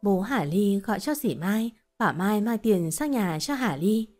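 A woman reading a short story as narrator in a steady, even storytelling voice. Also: medium pitch, measured pace, faint music behind.

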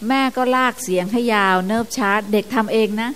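An older woman, a nun on a radio show, gently teaching about chanting and family life. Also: mid-range voice, a little fast, a little hiss or hum. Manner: gentle teaching, sometimes laughs and mimics chanting. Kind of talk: dharma talk on radio.

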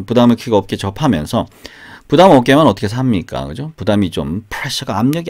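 A man teaching English in a casual, chatty way, often asking rhetorical questions and repeating phrases. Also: fairly low pitch. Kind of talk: casual spoken English lesson with sung examples. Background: guitar.

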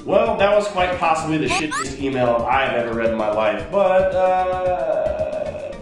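A man's voice: a little high, expressive, measured pace, very echoey, distant mic, over music. A man hosting a comedy web show, sarcastically ranting about fan mail and swearing in exasperation.

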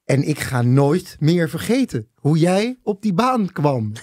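A man co-hosting a podcast, animated and playful, exaggerating for effect in casual conversation. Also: fairly high pitch, unhurried, dry recording, studio quality. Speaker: podcast co-host. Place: podcast studio.

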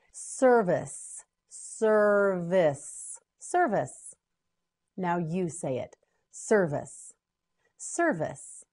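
A woman teaching pronunciation, slowly saying single words again and again with short prompts for the learner to repeat. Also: lowish voice, a little mellow. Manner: repeats each word several times, short prompts to repeat. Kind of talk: slow word-by-word drill for learners.

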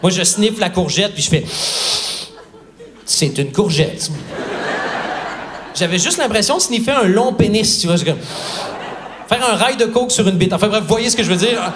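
A man tells a long comic story on a theatre stage. His voice sits high for a man, and he slips into the voices of the people he quotes as he goes. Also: expressive, fairly quick, a crowd in the background. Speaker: stand-up comedian. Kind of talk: stand-up comedy set. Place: theatre stage before a live audience.

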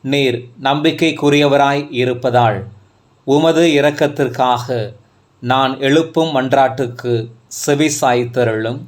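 Slow, reverent male scripture reader. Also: medium pitch. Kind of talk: slow, measured scripture reading.

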